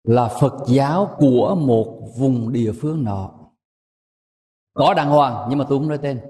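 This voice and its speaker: A man giving a measured, emphatic dharma talk to a monastic assembly, rising high to stress his points. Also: warm tone, long reverb tail. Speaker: Buddhist monk teacher.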